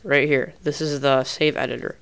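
A mid-range male voice, flat and at a moderate pace, with vocal fry and a clear, resonant, somewhat bright tone. The young speaker chats casually through a screen-recorded gaming tutorial, restarting frequently, while sounding a little sick and off.

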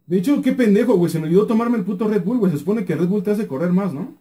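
Excitable Mexican man narrating his gameplay. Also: sits high, rapid-fire. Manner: swearing, excitable, mutters repeated words under his breath. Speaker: gaming YouTuber. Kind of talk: live gameplay commentary.

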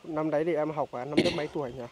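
A man doing a casual on-location interview in a rural village, speaking haltingly with many filler sounds. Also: on the high side, a crowd in the background. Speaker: vlogger visiting a poor family.

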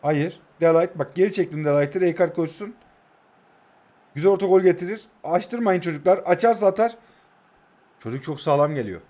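A man in his twenties giving excited casual commentary while playing a football video game. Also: sits high, moderate pace, pauses often. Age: 20s. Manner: excitable, shouts names when attacking. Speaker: mobile football game streamer. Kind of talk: live gameplay commentary.

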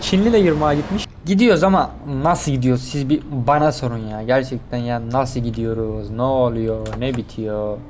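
A man giving live commentary on a truck driving game, excitable and repeating his words. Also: medium pitch, moderate pace, few pauses, slight background noise. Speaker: gaming streamer.

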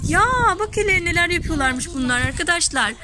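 A woman's voice: extremely high pitch, animated, a little fast. A young woman filming her son and his friends on a neighborhood street, playfully narrating and coaxing them with mock-dramatic cries for help. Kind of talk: casual family vlog narration. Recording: noisy outdoor phone recording.

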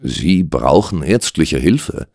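A man doing an unruffled storybook detective, measured and precise, deep voice, dry close reading. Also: sing-song, darkish tone, no room sound, full character voice. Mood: composed. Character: calm, composed male detective, coolly ironic.

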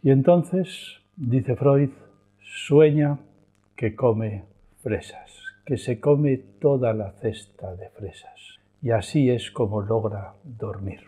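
A man with a Spanish accent from Spain gives a philosophy lecture. His voice is husky and breathy, at a middle pitch. He talks in an animated way and acts out his examples. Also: slow.

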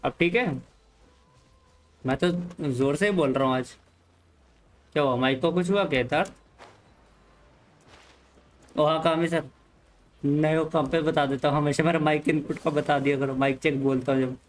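A man's voice: on the high side, moderate pace, pauses often, low-quality recording. Easygoing Indian man streaming a game. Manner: easygoing, mixes Hindi and English, calms the chat. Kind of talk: casual live-stream chat with viewers. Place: home room, hot.

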